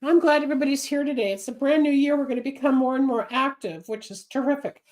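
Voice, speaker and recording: A woman in her seventies hosts a live psychic advice show alone, talking fast in a high-pitched, slightly mellow voice. Chatty and rambling, she hops between topics, hands out advice, and reads viewer comments. She's congested and coughing as she gets over a cold.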